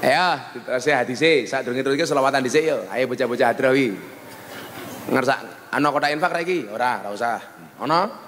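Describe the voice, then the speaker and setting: Speaking a little fast in a mid-range, fairly bright voice, a Javanese-accented man preaches a jokey sermon to an audience in a large hall. He blends Javanese and Indonesian and imitates the voices of his story characters, with slight background noise in the recording.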